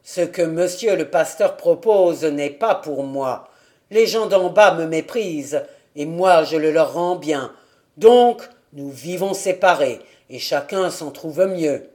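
An audiobook reader voicing a stubborn old mountain grandfather who speaks in a gruff, defiant, loud way. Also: medium pitch, takes it slowly, close to an everyday voice. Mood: agitated. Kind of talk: audiobook character reading.

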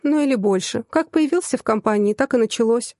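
A woman reading as a sly young secretary in an audiobook, smug and teasing, her voice a little high and on the mellow, soft side. The sound is close and dry, with no room around it. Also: brisk, no room sound, lightly acted.

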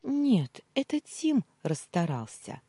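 A woman's voice: sing-song, takes it slowly, dark tone, husky, no room sound, heavily acted. A man voicing a fretful young sister. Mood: embarrassed. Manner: pitched well up, breathless and pleading. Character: young woman, the narrator's anxious younger sister.

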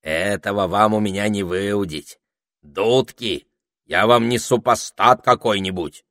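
A man's voice: fairly low pitch, unhurried, a bit bright, no room sound, studio quality. A man voicing a boastful, sneaky male toad spy who whines and wheedles. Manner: whiny, wheedling, cocky.

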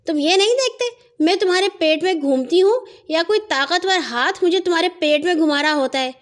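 A woman voicing a gentle, wise female key in a children's audio story, patiently explaining. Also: very high voice, animated, pitched above the performer's own voice. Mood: coaxing.

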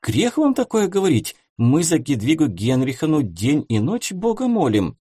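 Chirpy, eager young seamstresses, as a male narrator puts them on, fawning over a guest in a high, excited voice. The pitch bounces in a lively way. The voice has a husky edge. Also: moderate pace, no room sound, clean studio sound, full character voice.

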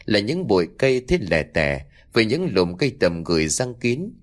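A man narrating a ghost story in an expressive, dramatic storytelling style. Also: on the low side, moderate pace. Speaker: audiobook narrator.

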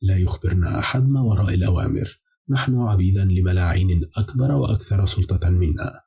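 A man's voice: sits low, quick pace, gravelly, warm tone, slightly rough, heavily acted. A man voicing cold, ominous enslaved demons. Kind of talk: audiobook character reading.

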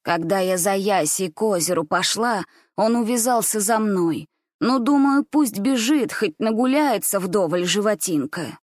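A woman voicing a scheming old grandmother who talks slowly with false, soothing care. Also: medium pitch, expressive, no room sound, clean studio sound. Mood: grim telling. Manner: slow, soothing, falsely caring.

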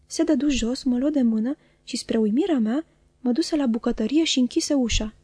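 A woman reading a novel aloud in calm, even storytelling narration. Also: sits high, husky, dry recording. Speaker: audiobook reader.

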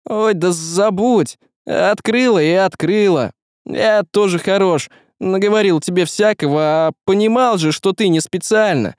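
A man's voice: high-pitched, measured pace, no room sound, studio quality, pitched above the performer's own voice. A man doing a brash hot-tempered young guy. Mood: worried. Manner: loud, blunt, modern slangy talk.

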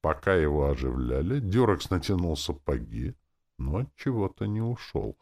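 A man's voice: extremely low pitch, big pitch swings, moderate pace, gravelly, a little mellow. A man narrating a fantasy audiobook in the first person, dry and offhand in tone.

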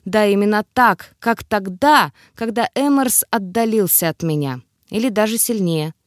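A woman reading an audiobook in a steady, expressive way. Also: medium pitch, moderate pace, dry recording, clean studio sound. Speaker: audiobook narrator. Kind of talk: scripted narration.

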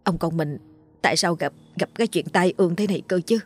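A woman voicing a scared young boy in a storybook horror tale, calling out in a high, anxious voice. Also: brisk, lightly acted. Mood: frightened.

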